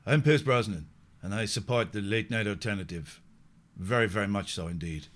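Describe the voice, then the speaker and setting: A man doing a suave Irish leading-man voice, pitched low and soft. It is a quick comic put-on, breathy and hammed up. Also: lightly acted. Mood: smooth. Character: man putting on a smooth Irish film-star voice.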